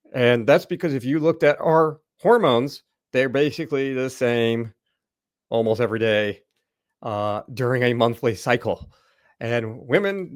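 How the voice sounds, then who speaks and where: A man's voice: medium pitch, dry recording. Casual-lecturing man, dry sound. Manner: conversational lecturing with many fillers and restarts. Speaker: naturopathic doctor presenting. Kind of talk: informal slide presentation.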